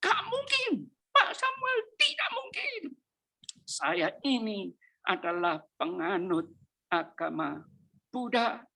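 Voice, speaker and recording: A male preacher voicing an impatient woman in her sixties who is in a hurry, speaking in a shrill, strained, urgent high voice. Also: very animated, slow pace, gravelly, pushed and bright, full character voice. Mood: protesting. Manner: urgent, insistent pleading.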